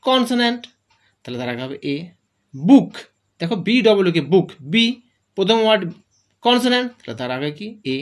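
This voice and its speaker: A male English teacher explains grammar rules step by step in a high voice that rises and falls with lively emphasis. He speaks fairly quickly, pauses often, and keeps posing his own questions and then answering them.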